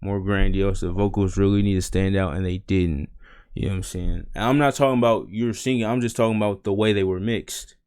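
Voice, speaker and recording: Blunt low-voiced man giving music feedback. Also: steady tone, brisk, darkish tone, clean tone, no room sound, studio quality. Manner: blunt, straightforward, repeats "you know what I'm saying". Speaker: music reviewer, streamer. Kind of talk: casual spoken music critique.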